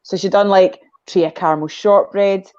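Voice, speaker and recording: A woman's voice: mid-range voice, fairly even intonation, normal speed, a little mellow, dull audio. A Scottish woman chatting as a guest on a video call, telling a long story and drifting off on tangents. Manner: rambling storyteller, goes off on tangents. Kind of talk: casual chat.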